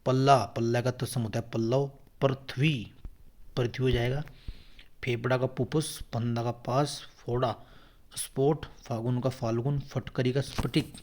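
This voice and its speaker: Male tutor, mellow mid-pitched voice, running through exam vocabulary lists at a brisk drill pace. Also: level tone. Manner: rattles off word pairs, addresses viewers as friends; quick self-corrections. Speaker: Hindi grammar teacher. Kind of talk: exam-prep word list lesson.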